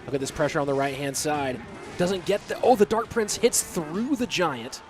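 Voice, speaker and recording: Here a young man speaks at normal speed in a voice on the high side, with background noise and a cold-stuffed nose. Casting a match alone as an esports commentator, he mixes play-by-play with reading chat. His manner is easygoing and talkative, taking chat questions between plays.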